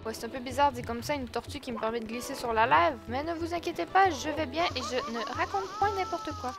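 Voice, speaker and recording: A young woman with a high-pitched voice and vocal fry talks fast as she commentates her own gameplay in excitable let's play style. She shrieks at setbacks and scolds the game character, with game music playing behind her voice.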